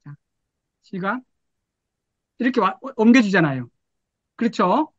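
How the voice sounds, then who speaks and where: A man's voice: high-pitched, expressive, a little slow, no room sound. A man teaching an online class over a video call, chatty, often acting out the prompts he types to an AI. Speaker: professor giving an online lecture. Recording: dull, dry video call audio.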